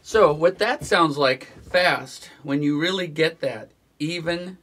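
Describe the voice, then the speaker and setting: A man's voice: on the high side, slow pace. Man teaching guitar over strumming. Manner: counts beats aloud while strumming. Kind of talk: relaxed instructional talk. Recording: guitar playing behind the voice.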